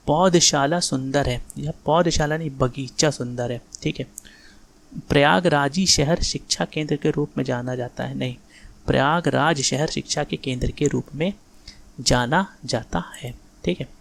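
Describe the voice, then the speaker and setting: A man's voice: medium pitch, creaky. A man teaching a grammar exam-prep lesson in a casual lecture style, correcting sentences and often asking if the students follow. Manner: repeats corrections, checks understanding often.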